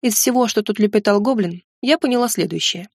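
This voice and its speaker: A woman narrating a first-person fantasy audiobook in an expressive, sharp-tongued way. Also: mid-range voice, a little fast, no room sound, studio quality.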